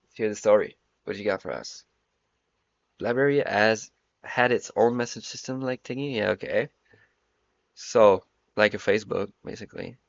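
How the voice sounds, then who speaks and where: Young male streamer, 20s, low gravelly voice, profane joker, dull lo-fi mic. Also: moderate pace, no echo. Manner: profane, joking banter. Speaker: trading livestream host. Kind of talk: casual stream chat.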